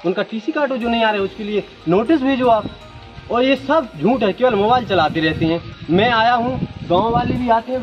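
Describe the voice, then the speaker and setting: A man from rural Madhya Pradesh, a village resident earnestly and indignantly airing complaints in an on-the-spot outdoor interview. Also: extremely high pitch. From Datia district, Madhya Pradesh, India. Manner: earnest, indignant, talks in short bursts. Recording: dull lo-fi sound with music behind.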